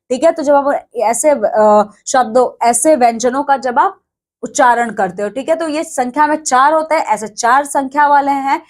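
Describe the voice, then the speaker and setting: A woman teaching a grammar lesson. She explains step by step, talks straight to her students, keeps checking with "okay", and drills sounds one at a time. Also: high voice.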